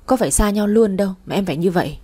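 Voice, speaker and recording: A woman's voice: medium pitch, lively intonation, racing, mellow, breathy edge. A woman voicing a stern young father who talks in a cold, curt, scolding way while reading a story aloud.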